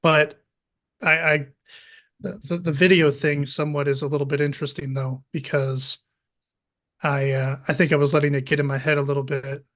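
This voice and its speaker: A man with a fairly high voice talking in a relaxed conversation. He muses out loud, often stumbling and restarting his sentences. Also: moderate pace. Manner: musing, loose and self-correcting. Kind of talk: casual conversation.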